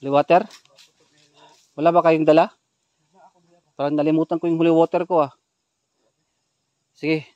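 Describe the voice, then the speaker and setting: A man's voice: on the high side, level tone, moderate pace, pauses often, darkish tone, no echo, lo-fi sound. A man on a ghost-hunting vlog, urgently giving tense commands to his companions outdoors in a forest. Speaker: ghost hunter.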